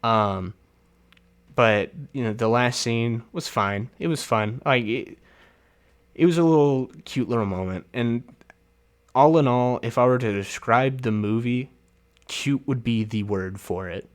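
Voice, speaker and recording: A male host gives a casual solo movie review at an ordinary, mid-range pitch. He rambles in a chatty way, chuckles often and trips over fillers and restarts as he goes. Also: measured pace, clean tone.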